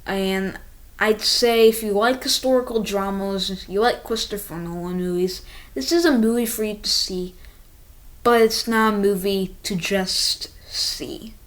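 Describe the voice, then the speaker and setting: A woman's voice: medium pitch, unhurried. A woman hosts a casual movie-ranking vlog. She talks straight to the camera, eager and a little rambling, and keeps circling back with asides. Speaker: movie reviewer.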